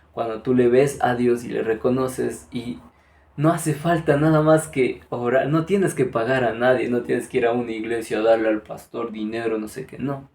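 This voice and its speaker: A man gives a motivational spiritual talk, speaking earnestly and directly to the listener. His voice sits at an average pitch for a man. The recording has a noticeable room echo. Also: creaky, darkish tone. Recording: echoey room.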